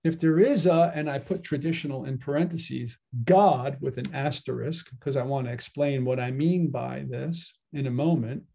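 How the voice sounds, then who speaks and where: A man's voice: mid-range voice, normal speed, vocal fry, few pauses, dark tone, slight background noise. A man giving a casual philosophy lecture, explaining ideas in a conversational way and often checking in with "right?". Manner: conversational, frequent tag "right?". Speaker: philosophy teacher.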